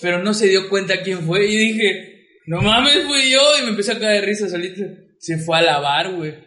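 A man's voice: sits high, fairly even intonation, a little fast, fairly bright tone, roomy sound. A young man with a Mexican Spanish accent, co-hosting a podcast and telling crude stories in slangy casual chat while a bit tipsy. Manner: crude, slangy, laughs through his stories. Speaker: podcast co-host.

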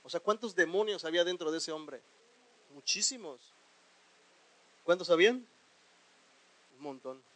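A pastor with a high voice delivers a sermon in a lively, animated way. He keeps asking his listeners questions and tells them to repeat phrases after him, and he swings between quiet lines and sudden loud bursts. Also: measured pace, long pauses, low-quality recording.

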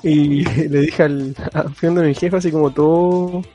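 A man's voice: a little high, fairly even intonation, unhurried, dark tone, faint music behind. A young man with a Chilean accent telling a story in casual, slangy chat, often laughing as he talks.

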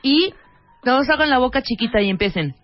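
A woman, co-hosting a casual radio chat with an animated, teasing manner. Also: high voice, a little fast, soft background music. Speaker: radio co-host. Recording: dull lo-fi radio recording.

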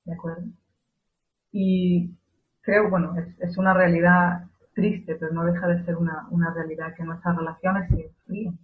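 A woman's voice: fairly low pitch, flat delivery. Woman preaching over a tinny line. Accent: Spain Spanish. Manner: measured, asks repeated rhetorical questions. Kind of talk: sermon. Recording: tinny phone-like sound.

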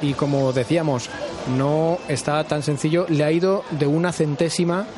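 A man analysing a motor race conversationally as co-commentator, explaining in halting, self-correcting phrases. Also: fairly high pitch, steady tone. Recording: clear outdoor trackside noise.

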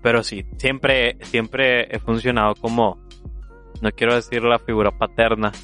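A young man with a Nicaraguan Spanish accent chatting casually and reflecting in a halting way, often restarting his sentences. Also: mid-range voice, flat delivery, fairly bright tone, soft background music. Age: young adult. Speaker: older brother. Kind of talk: casual chat.

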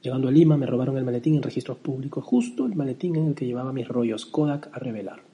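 A man's voice: mid-range voice, fast talker, warm tone. A middle-aged man telling a nostalgic personal travel story, with a recited poem. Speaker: narrator.

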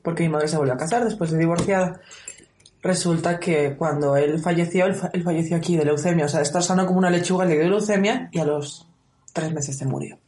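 A woman's voice: on the low side, brisk, a little hiss or hum. Chatty woman in an echoey room. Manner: lively storyteller, laughs often. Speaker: guest. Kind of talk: casual interview chat.

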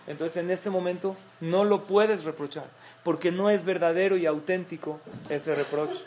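A woman's voice: fairly low pitch, moderate pace, darkish tone. A middle-aged woman giving a parenting talk to a group of mothers, explaining points and acting out example quotes. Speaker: parenting class speaker.

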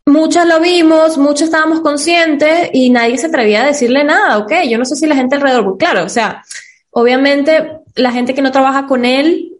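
A woman's voice: sits high, brisk. A woman with a Venezuelan Spanish accent in casual podcast chat, rambling with many restarts.

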